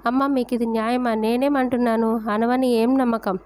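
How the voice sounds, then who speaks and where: A woman's voice: fairly high pitch, steady tone, normal speed, darkish tone, natural voice. A woman voicing a meek, mistreated young wife in a story reading, timid and pleading. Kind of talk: storytelling narration.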